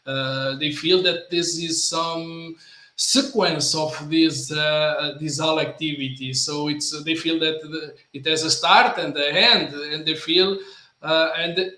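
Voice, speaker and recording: A man talks as an interview guest, his voice fairly high and bright with a forceful edge. He pauses and hunts for words in English. The room around him rings with echo. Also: fairly even intonation. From Portugal. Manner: halting, searches for words in English. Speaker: guest, lean consultant. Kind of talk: casual interview conversation. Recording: roomy echo.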